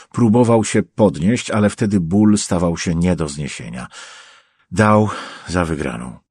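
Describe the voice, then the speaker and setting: Man, audiobook narrator, tense measured telling, lively low voice, dry sound. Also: slightly rough, dry recording.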